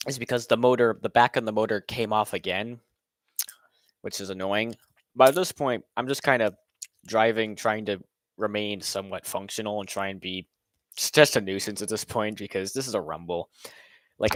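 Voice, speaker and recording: A man's voice: on the low side, fairly bright tone, dry recording. A man casually narrating a recap of a robot fight over footage, rambling with many fillers and restarts. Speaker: robot builder recapping his event.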